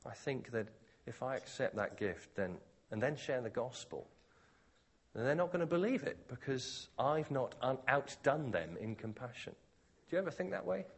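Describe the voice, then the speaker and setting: Male preacher, mid-pitched, husky, animated delivery; conversational expository sermon. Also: moderate pace.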